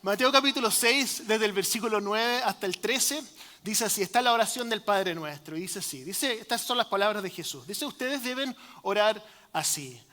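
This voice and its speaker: A male pastor preaches to his congregation, trading jokes with them and often pausing on fillers. His voice sits very high and sounds bright and sharp. It rings out with the long reverb of a church sanctuary. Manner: joking with the congregation; filler-heavy, hesitant delivery. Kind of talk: sermon.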